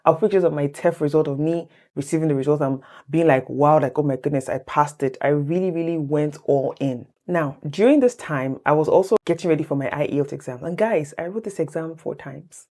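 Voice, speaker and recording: This English-speaking vlogger in her thirties shares exam tips by telling her own exam story to camera, calling her viewers "guys." Her voice sits low and she talks briskly with hardly any pauses, staying chatty and animated and laughing easily.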